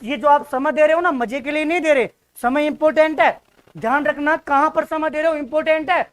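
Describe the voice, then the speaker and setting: A man's voice: very high-pitched, brisk, fairly bright tone. A young man teaching an exam-prep lesson in an informal, direct, exhorting way, often repeating his points. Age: young adult. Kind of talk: informal classroom lecture.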